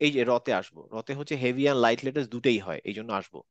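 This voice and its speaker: A man's voice: medium pitch, animated, a little fast, no echo, dull audio. A man teaching a Quran recitation class online, explaining and repeating letter sounds patiently, mixing English words into his talk.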